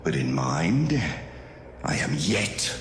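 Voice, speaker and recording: A male full character voice for an audio drama plays a menacing ancient reptilian dark-side master, cunning and contemptuous. The voice is extremely deep, gravelly and creaking, with a sing-song quality, delivered slowly, deliberately and imperiously in an ominous, testing mood. It echoes over music.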